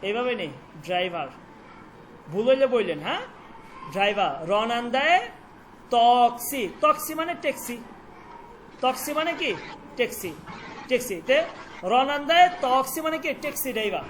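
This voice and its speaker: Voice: medium pitch, expressive, a bit bright. Patient teacher drilling words, noisy recording. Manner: repeats words slowly for pronunciation, asks students questions. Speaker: Persian language teacher. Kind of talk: online language lesson.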